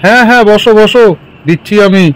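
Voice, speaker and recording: A man's voice: sits high, quick pace, fairly bright tone. A man voicing an obliging village food-stall keeper in a doll-story cartoon, chatty and eager to serve.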